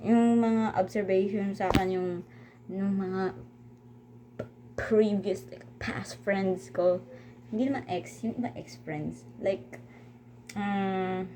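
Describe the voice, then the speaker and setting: A woman's voice: mid-range voice, warm tone, slight background noise. A teenage girl, a student, chatting casually and teasing herself, mixing in English and full of filler words. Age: teens. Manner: chatty, self-mocking, Taglish with many fillers. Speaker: student vlogger. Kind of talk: casual chat.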